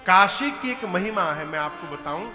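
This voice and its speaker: A man's voice: high voice, expressive, moderate pace, bright, forceful tone. A male preacher giving a devotional sermon, switching between sung verses and storytelling while addressing his audience. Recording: echoey hall with music. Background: devotional music.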